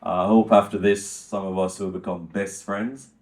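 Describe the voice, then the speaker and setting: An older man from Jamaica, hosting a live on-stage chat with a small audience and speaking in a measured way with many ums. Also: on the low side, level tone, darkish tone, echoey room. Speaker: host. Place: music lounge venue with a small audience.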